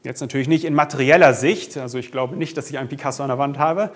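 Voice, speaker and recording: A man's voice: medium pitch, fast. A man preaching a sermon as pastor, speaking directly to the congregation with rhetorical questions and the occasional hesitant "uh".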